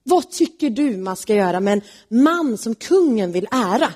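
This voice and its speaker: A woman voicing a forgetful, easygoing king in a casually retold story, in a somewhat husky voice. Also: on the high side, very animated, darkish tone.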